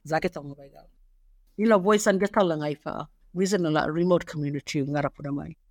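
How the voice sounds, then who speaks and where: A man narrating an explainer, reading quotes and numbered points in a steady, measured way. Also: high-pitched, dry recording, clean studio sound. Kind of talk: read-aloud explainer narration.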